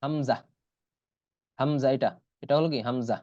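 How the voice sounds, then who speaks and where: A man teaching an online class, patiently saying each letter slowly several times over. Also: medium pitch, fairly even intonation, a little mellow, no echo, dull audio. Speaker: Quran teacher. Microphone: computer or headset mic in an online class.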